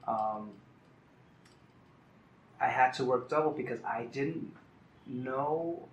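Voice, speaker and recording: A man's voice: mid-range voice, slow pace, highs cut off, slight background noise. Man from Puerto Rico, roomy outdoor sound. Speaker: salsa singer, guest. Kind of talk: casual interview. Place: outdoors in the city.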